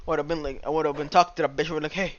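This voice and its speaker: A young man hosting a podcast, ranting loudly and crudely, breaking into squealing acted outbursts. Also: a little high, steady tone, very fast, muffled recording. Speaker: podcast host. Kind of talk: casual podcast chat.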